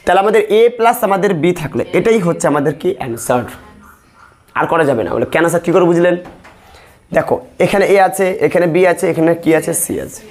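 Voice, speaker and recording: A man's voice: fairly high pitch, expressive, a little fast, a little mellow. A male math teacher leading a classroom lesson, asking questions and repeating the answers step by step. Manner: repetitive call-and-response questioning.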